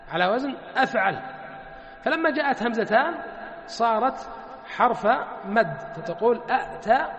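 A male teacher with a very high voice gives a grammar lesson in a hall with long reverb. He keeps putting questions to his students and answering them himself. He stretches out the word forms slowly as he works through them. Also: a bit bright. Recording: echoey hall.

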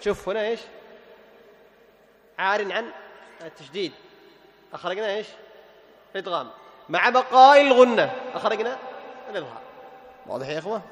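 A man teaching a class of students the rules of Quran recitation, quizzing them with quick questions, repeating the answers and chanting short examples. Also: sits high, lively intonation. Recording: long hall reverb.

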